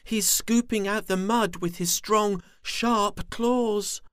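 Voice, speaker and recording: A man's voice: high-pitched, steady tone, slow, fairly bright tone, clear, resonant tone, no room sound, clean studio sound, voice pushed up. A man voicing a careful, bossy big-sister worm who scolds and warns her little brother. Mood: alarmed. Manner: scolding, warning.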